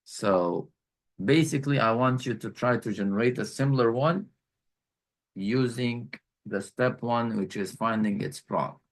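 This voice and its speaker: Slow, gravelly male instructor. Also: medium pitch. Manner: slow, repeats key points. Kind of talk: online class teaching.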